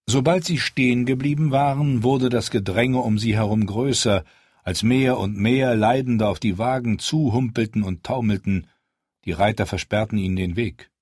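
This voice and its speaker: A man reading a fantasy audiobook as narrator, calm and even. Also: medium pitch, normal speed, breathy edge, no echo, clean studio sound. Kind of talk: scripted narration.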